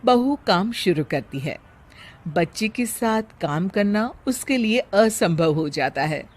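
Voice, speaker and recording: A woman's voice: mid-range voice, animated, slow pace. A woman storyteller reading a scripted family tale as narrator.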